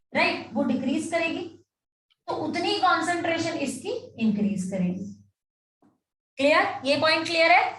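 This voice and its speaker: A woman teaching chemistry in a classroom lecture, mixing Hindi and English and often stopping to check that her students follow. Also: sits high. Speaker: chemistry tutor. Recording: echoey room, mic at a distance.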